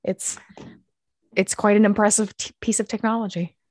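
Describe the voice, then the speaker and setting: A woman's voice: medium pitch, flat delivery, normal speed, a little mellow, no room sound, studio quality. A woman co-hosting a podcast, chatting casually and rambling with lots of fillers from her craft room at home. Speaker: podcast co-host. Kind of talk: casual chat.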